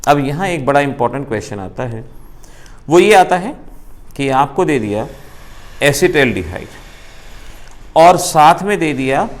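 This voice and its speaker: A man with an Indian accent giving an exam-prep chemistry lecture, explaining reaction steps in a brisk, emphatic way. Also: mid-range voice. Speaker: chemistry teacher.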